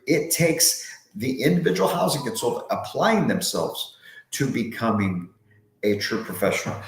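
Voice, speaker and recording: A man's voice: mid-range voice, fairly bright tone. A man hosting a live sales training session, talking upbeat from a bare, unfurnished office that echoes, often restarting words and asking "right?". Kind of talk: live motivational sales talk. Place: brand-new empty, unfurnished office. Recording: echoey bare empty room.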